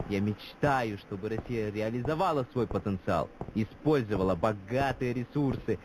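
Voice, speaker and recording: Актёр играет пламенного советского патриота-оратора, шумная запись. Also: male voice, medium pitch, darkish tone, natural voice. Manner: declamatory, solemn, grandiose. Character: fervent Soviet-nostalgic Russian patriot orator, grandiose and menacing. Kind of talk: scripted dramatic speech. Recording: clearly noisy background ambience.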